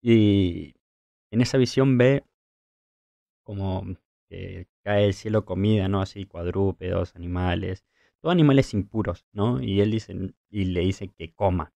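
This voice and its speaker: Give me a male podcast host with a dark, gravelly voice giving thoughtful, reflective religious talk. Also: low-pitched, unhurried, dry recording. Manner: thoughtful storytelling with occasional chuckles.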